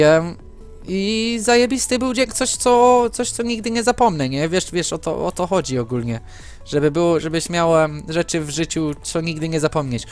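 Chatty young man with a higher voice. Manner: rambling, chatty storytelling with many fillers. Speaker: gaming channel host. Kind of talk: casual chat while playing a game.

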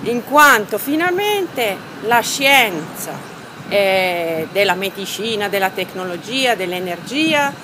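A woman's voice: mid-range voice, big pitch swings, measured pace. Enthusiastic woman outdoors, traffic noise. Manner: enthusiastic, emphatic. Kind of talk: short on-camera statement. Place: outdoors by a wall.

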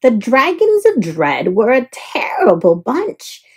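A woman reads a children's picture book aloud, performing it as an expressive storyteller. Her voice is fairly high and husky, and she takes her time.

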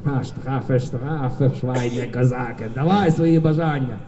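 A man playing a grumbling male devil in German guise, muttering low and sullen, recorded from afar in a concert hall. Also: unhurried, mellow, dull audio, lightly acted.

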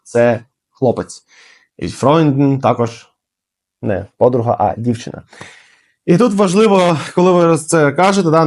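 A young man teaching German in a casual video lesson, explaining quickly and lively, with fillers and emphatic repeats. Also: medium pitch.

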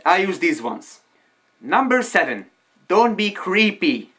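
A man's voice: high voice, sing-song, takes it slowly, fairly bright tone. A man gives casual, joking tips on fursuiting, his voice muffled through a costume head. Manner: joking, blunt, swears for emphasis. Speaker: vlogger giving fursuit tips.

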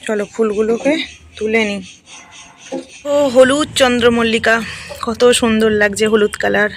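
A young woman from Bengal speaking with a Bengali accent, chatting to viewers in a casual vlog as she walks her rooftop garden and picks flowers, talking a little softly. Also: a little high, steady tone, moderate pace, slight background noise. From Bengal, India. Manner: chatty, walking tour, points things out while picking flowers. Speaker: vlogger, housewife. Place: rooftop garden of a home, outdoors.

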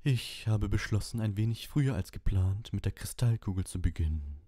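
A man voicing a dramatic older woman who teaches divination, speaking slowly and theatrically in an audiobook. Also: fairly low pitch, lively intonation, dark tone, no room sound, clean studio sound, pitched above the performer's own voice. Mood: portentous. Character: slow, mystic older female divination teacher.

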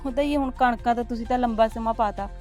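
A woman's voice: fairly high pitch, fairly even intonation, quick pace, faint music behind, natural voice. A young woman with a Punjabi accent playing a newly married wife who coaxes and complains to her husband. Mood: coaxing. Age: young adult. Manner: soft, coaxing, complaining. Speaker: actor in a short film. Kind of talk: village short-film acting.

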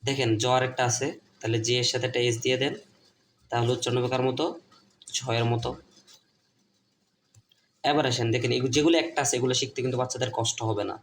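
A man's voice: mid-range voice, flat delivery, fast talker, long pauses, a little hiss or hum. A man with a Bangladeshi Bengali accent, teaching a lesson at a board, repeating each point and asking and answering his own questions.

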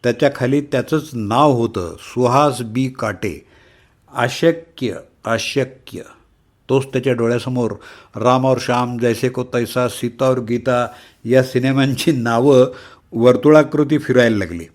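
Expressive middle-aged man reading a story. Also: normal speed. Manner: lively, shifts pitch and loudness to act out characters. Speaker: story reader.

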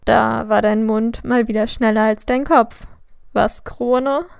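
A woman's voice: a little high, steady tone, takes it slowly, creaky, clear, resonant tone, no echo, clean studio sound. A woman voicing a mischievous teenage boy who teases his friend mockingly. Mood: teasing. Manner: mocking, laughing teasing.

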